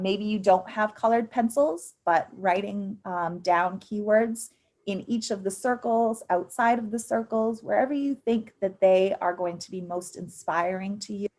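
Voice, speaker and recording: A woman's voice: mid-range voice, a little mellow. Upbeat thirties woman on a video call, encouraging, lots of ums. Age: 30s. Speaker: financial literacy presenter. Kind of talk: online workshop presentation.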